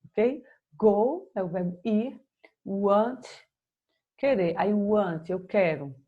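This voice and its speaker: A woman's voice: mid-range voice, lively intonation, slow pace, phone-quality sound. A Brazilian woman teaching English grammar in a recorded lesson, explaining patiently in Portuguese and often checking in with "ok?".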